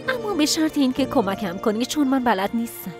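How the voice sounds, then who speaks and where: A shy young married woman speaks in a soft, hesitant, apologetic way. Her voice sits high. Drama score music plays underneath. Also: big pitch swings. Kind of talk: Persian dub of a TV drama.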